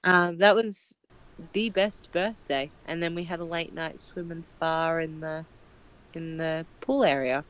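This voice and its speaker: A woman chatting casually with her partner, telling a lively holiday story and laughing often. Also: deep voice, unhurried, clean tone, poor audio. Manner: loud, self-described as not quiet. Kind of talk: casual chat.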